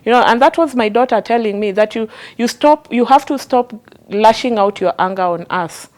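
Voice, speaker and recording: A woman, a guest on a talk show, telling candid personal stories in an animated, chatty way full of fillers. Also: on the high side, normal speed.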